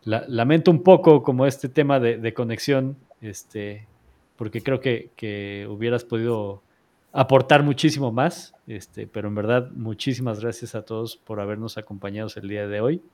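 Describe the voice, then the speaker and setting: A man's voice: medium pitch, normal speed, mellow. A man hosting a live online talk show, speaking with many fillers and restarts as he thanks his guests. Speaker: podcast host. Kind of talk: casual live-streamed chat.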